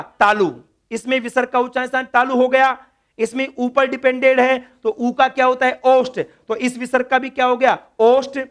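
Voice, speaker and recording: A man with an extremely high, slightly bright voice teaches Sanskrit grammar in a classroom lecture. He repeats key words and asks the class questions, then answers them himself.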